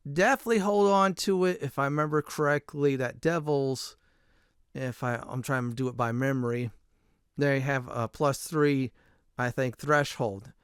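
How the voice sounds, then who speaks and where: A man's voice: fairly high pitch, clean tone, dry recording, clean studio sound. A man hosting his own gaming channel, chatting casually through gameplay, rambling with lots of fillers and half-remembered details.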